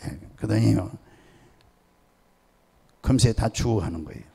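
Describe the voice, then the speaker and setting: In a church sanctuary with big-room sound, an older pastor emeritus preaches a sermon through stories, acting out the pleading and shouting voices of the people in them. His lowish voice is creaky and slightly rough, with lively intonation and a slightly slow pace.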